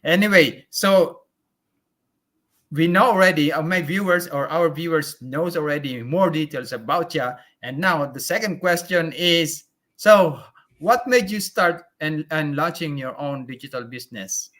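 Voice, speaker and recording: A male talk show host with a bright, forceful tone and a fairly high voice. He talks in an upbeat, effusive way, laughing often as he introduces his guest and puts questions to her on a live online show. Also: measured pace.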